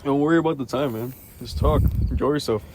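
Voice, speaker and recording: This twenty-one-year-old man talks at a quick pace in a medium-pitched voice as he hosts a casual, unscripted conversation. He stammers, repeating word starts while piecing together questions and ideas. The setting is an empty outdoor parking lot, with constant noise from crickets and night insects.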